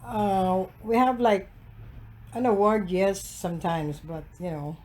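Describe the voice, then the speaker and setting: A man in his sixties from the Philippines, with a Filipino accent, answering interview questions hesitantly with many filler pauses. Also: high-pitched, fairly even intonation, a little mellow. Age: 60s. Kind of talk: oral history interview.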